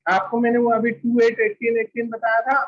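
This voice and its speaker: High-voiced man teaching chemistry class. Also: monotone, normal speed, lo-fi sound. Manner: quizzes students with repeated questions; rattles off element lists at speed. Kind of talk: classroom lecture. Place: classroom with students.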